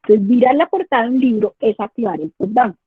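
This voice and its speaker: A woman's voice: on the high side, fast, slightly rough, dry recording. A woman professor with a Colombian accent giving an explanatory remote lecture to parents, asking herself rhetorical questions as she goes. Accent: Colombian Spanish. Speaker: university professor. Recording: tinny phone-like line.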